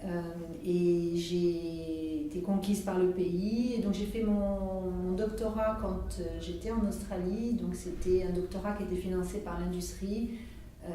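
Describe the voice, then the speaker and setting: A woman's voice: lowish voice, dark tone. A middle-aged woman from France answering interview questions hesitantly, with many restarts and fillers. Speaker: researcher being interviewed. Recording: echoey room, distant mic, faint noise.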